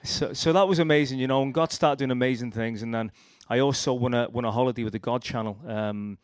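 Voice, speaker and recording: A man's voice: mid-range voice, fast talker, no echo, clean studio sound. A young man with a Liverpool accent giving a rambling personal testimony, telling his story with restarts and acted-out quotes. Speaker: speaker sharing a testimony.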